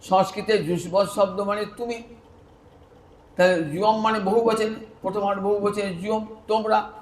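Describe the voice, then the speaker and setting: A man's voice: sits high, fairly even intonation, normal speed, echoey room, a little hiss or hum, rough recording. A man giving a devotional discourse, explaining Sanskrit words and chanting scripture verses. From West Bengal. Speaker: Vaishnava preacher.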